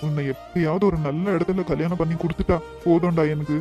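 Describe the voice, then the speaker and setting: Guy voicing a worried soft-spoken cartoon dad, bit high pitched, coaxing tone. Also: fairly even intonation, fast, soft background music, lightly acted. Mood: tender. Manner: pleading, affectionate. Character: worried, tender father of a grown daughter.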